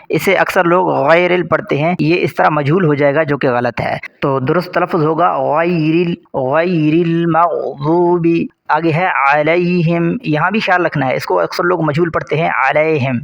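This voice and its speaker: Guy teaching quran recitation, kinda high voice, breaks words down slow, dry close mic. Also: fairly even intonation, vocal fry, no echo, muffled recording. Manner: corrects common mistakes, then recites words slowly and drawn out. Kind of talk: tajweed lesson, explaining and demonstrating recitation.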